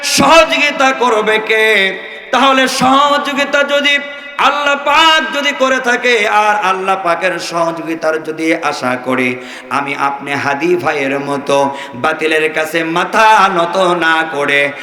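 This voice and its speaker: A man preaching a sermon to a crowd, swinging between shouted lines and a low chanting singsong. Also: slow. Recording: echoey hall from far off.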